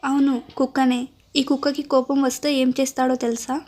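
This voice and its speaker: A woman's voice: sits high, little pitch movement, moderate pace, a little mellow. A woman voicing a scheming, greedy young male villain in a storybook reading, sneering and taunting.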